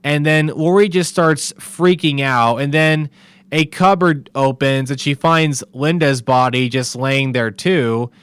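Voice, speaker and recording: A male podcast host giving a casual, animated recap of a horror film. He laughs often and makes sarcastic asides. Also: fairly high pitch, slow pace, smooth, no room sound.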